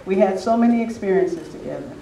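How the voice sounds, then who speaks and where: At a spiritual retreat, an older man reminisces in a loose, chatty talk to a gathering. He is a fast talker with a high-pitched, mellow voice and some vocal fry. The audio sounds roomy, recorded by a distant mic with faint noise.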